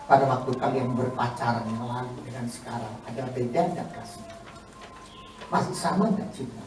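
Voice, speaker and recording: A male pastor preaching a sermon in animated swings between loud emphasis and hushed asides, acting out quoted congregants. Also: medium pitch, moderate pace, over music. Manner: acts out quoted congregants in a mocking voice. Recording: echoey hall, mic at a distance.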